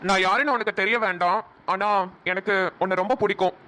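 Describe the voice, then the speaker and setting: A woman's voice: medium pitch, a little fast, pushed and bright, a little hiss or hum, lightly acted. A woman voicing a brash, teasing young man in a cartoon. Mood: smug. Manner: cocky, teasing. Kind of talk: cartoon voice acting.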